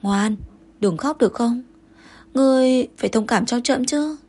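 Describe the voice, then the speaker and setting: A woman voicing a possessive, jealous male emperor who turns between commanding and coaxing, with a breathy voice. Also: on the high side, unhurried, dark tone.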